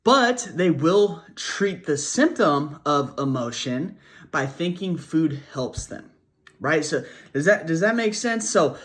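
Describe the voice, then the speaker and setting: A man's voice: a little high, animated, slow pace, fairly bright tone. A man, a weight loss coach, talking casually to his viewers while a bit congested from a cold, rambling and often checking in with "right?". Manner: rambling, repeats words, asks "right?" often. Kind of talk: casual talk to camera.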